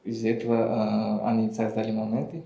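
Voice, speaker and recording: Football player with a mellow voice. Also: male voice, fairly low pitch, completely flat delivery, fairly quick, vocal fry. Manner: short, plain, informal answers. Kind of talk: post-match press conference answers. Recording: roomy echo.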